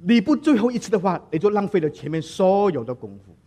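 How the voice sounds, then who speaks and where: A man preaching a sermon, telling lively stories and dropping words into his talk. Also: high voice, quick pace. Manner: lively storytelling, mixing in English words. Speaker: pastor.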